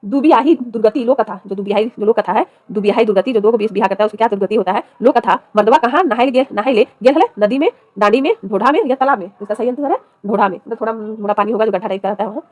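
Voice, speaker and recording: A woman, speaking fast in a fairly high voice, runs through quiz questions one after another. She reads each question and its options, then announces the correct answer. The recording is dry and close. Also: darkish tone, dry recording. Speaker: exam-prep teacher.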